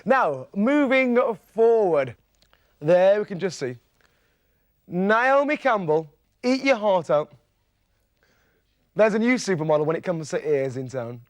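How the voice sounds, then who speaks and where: A man's voice: sits high, big pitch swings, unhurried, long pauses, no echo. A man presenting on a shopping channel, with teasing, jokey live sales patter. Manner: playful, teasing, mimics voices. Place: TV studio.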